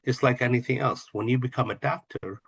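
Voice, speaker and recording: A man's voice: mid-range voice, fairly quick, vocal fry, breathy edge. A middle-aged man from Kuwait, a guest in an interview, answering in an earnest, reflective way and often restarting his sentences. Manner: earnest, reflective, lists ideas with repeated restarts. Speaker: guest, real estate investor and coach.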